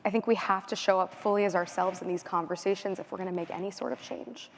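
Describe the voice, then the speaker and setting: A woman's voice: medium pitch, steady tone, fast, vocal fry, a little hiss or hum. Effusive woman moderating onstage. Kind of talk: onstage interview. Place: conference stage.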